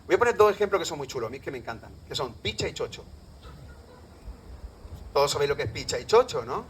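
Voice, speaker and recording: A man's voice: on the high side, very animated, fast talker, slight background noise, poor audio. A middle-aged man from Andalusia with an Andalusian Spanish accent gives a live public talk as a lecturer, often quizzing his audience. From Andalusia, Spain.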